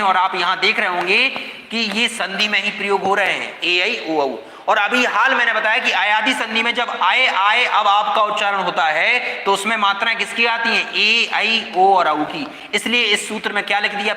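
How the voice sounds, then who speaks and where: A man's voice: high voice, bright, forceful tone. A man teaching a recorded grammar lesson, repeating points and quizzing his students with questions. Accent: Hindi-speaking India. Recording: echoey room with long reverb.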